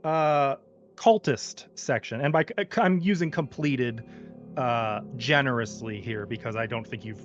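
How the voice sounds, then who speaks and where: A man's voice: medium pitch, a little slow. A man running a tabletop game, switching between narration and casual table talk as game master. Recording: slightly muffled, faint music behind. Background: faint music.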